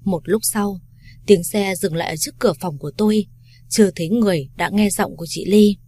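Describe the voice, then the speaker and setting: A woman reading a first-person romance story aloud in a steady, plain manner. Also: mid-range voice, a little fast. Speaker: story reader. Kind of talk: first-person audiobook narration.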